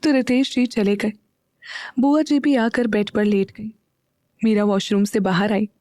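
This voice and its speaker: A woman narrating a romance audio drama in a measured storytelling manner. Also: mid-range voice, fairly even intonation, dark tone, dry recording, studio quality.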